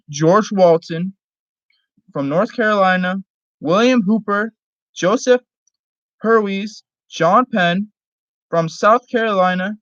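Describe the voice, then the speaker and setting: A person giving a solemn, halting reading aloud of a formal historical document. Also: mid-range voice, fairly bright tone, no echo. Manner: halting, stumbles over words and rereads them. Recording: dull lo-fi recording.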